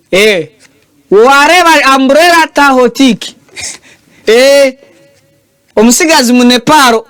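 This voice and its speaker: The sound is close and dry, with no room sound, as a Ugandan show host with a bright, high-pitched voice teases his way through lively political commentary. He changes languages partway through sentences.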